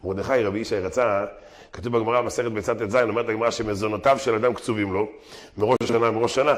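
A man leads a weekly religious lesson with lively, slangy delivery. He mixes learned phrasing with casual street idiom and keeps the talk animated. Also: on the low side. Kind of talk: religious lesson mixed with jokes.

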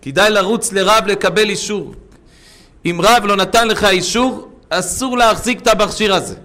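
A high-voiced man preaches a sermon full of stories, swinging from loud urging to hushed asides and calling his listeners friends.

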